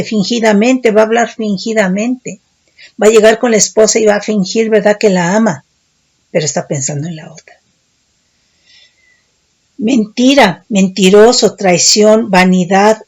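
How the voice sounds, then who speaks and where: A woman preacher giving a Bible teaching, explaining slowly and often adding tag questions to check that her listeners follow. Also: mid-range voice.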